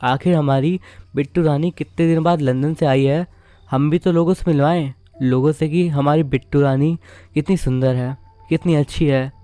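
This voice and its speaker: A man's voice: on the high side, fairly even intonation, moderate pace, dry recording, faint music behind, natural voice. A man voicing loving village mother. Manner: gentle and coaxing.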